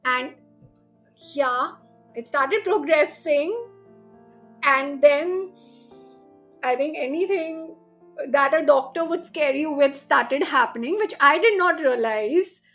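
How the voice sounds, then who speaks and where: A woman tells a personal story in a casual, animated way. Her voice sits high, and she laughs often and drops in Hindi phrases. Soft music plays faintly behind her. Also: slow, pauses often. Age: 30s. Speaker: guest sharing her birth story.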